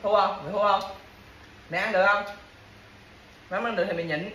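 Fast-nagging woman. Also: medium pitch, fairly bright tone. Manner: nagging, repetitive scolding with empty threats. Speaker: scolding spouse. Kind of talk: casual domestic bickering. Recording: echoey room with faint background noise.

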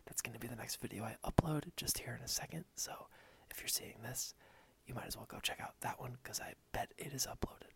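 Gravelly whispering ASMR creator. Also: mid-range voice, a little fast. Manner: soft unvoiced whisper throughout. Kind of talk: whispered channel update. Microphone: dedicated ASMR microphone.

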